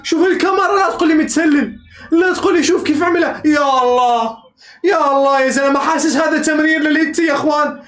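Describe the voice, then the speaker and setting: A man giving excitable live match reaction commentary, cheering players on, shouting and repeating phrases. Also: very high voice, fast. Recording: echoey room.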